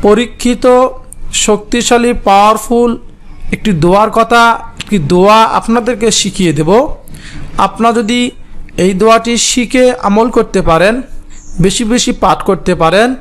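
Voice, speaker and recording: A man teaching viewers a prayer, addressing them earnestly and reciting it slowly, syllable by syllable, for them to repeat. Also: high-pitched, clear, resonant tone. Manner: slow syllable-by-syllable recitation for learners. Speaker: Islamic religious teacher.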